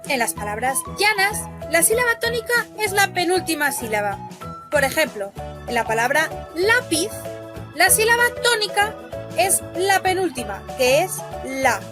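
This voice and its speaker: A woman with a Spain Spanish accent giving a scripted grammar lesson for children, slowly drawing out each example word. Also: very high voice, sing-song. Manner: slow, stretched-out spelling of example words. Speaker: narrator of a children's grammar video. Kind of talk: scripted educational narration. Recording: clip with loud children's music behind.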